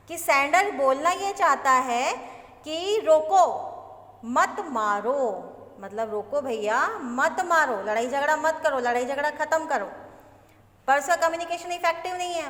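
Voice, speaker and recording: A woman's voice: sits high, a bit bright. A woman teaching a business communication lecture, explaining with rhetorical questions and acted-out examples. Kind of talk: classroom lecture. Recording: echoey room with long reverb.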